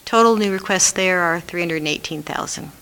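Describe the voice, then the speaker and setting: A woman's voice: lowish voice, a little fast, pushed and bright, smooth. A woman giving a formal budget report at a public meeting, reading out items and figures. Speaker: staff budget presenter. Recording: faintly noisy meeting room recording.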